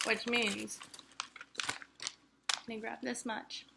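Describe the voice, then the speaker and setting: A young woman chats casually to her camera between bites, cheering herself on and now and then talking through a mouthful. Her voice sits a little high. There is a clear layer of background noise under the recording. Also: level tone, takes it slowly. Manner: chatty, self-encouraging, talks with mouth full. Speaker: mukbang vlogger. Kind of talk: casual chat to camera while eating.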